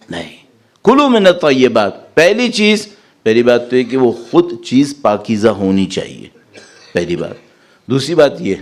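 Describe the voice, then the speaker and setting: Man, cleric preaching, animated pitch, rhetorical questions, verse recitation. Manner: lively, rising sharply when reciting Arabic verses; asks the audience rhetorical questions. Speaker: Shia cleric. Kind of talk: Urdu sermon explaining Quranic verses.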